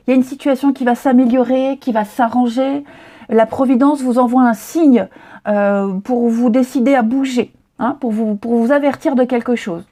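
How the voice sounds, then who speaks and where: Woman tarot reader, high voice with a mellow tone, chatty and reassuring, lots of hesitations. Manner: chatty, reassuring, many fillers and restarts. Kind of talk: casual tarot reading to camera.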